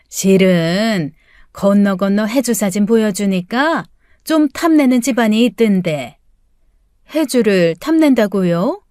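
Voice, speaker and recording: A woman's voice: on the high side, a little mellow, no room sound, studio quality. A woman doing a scheming old mother-in-law. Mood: coaxing. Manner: coaxing, dismissive, scolding. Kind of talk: audiobook character voice.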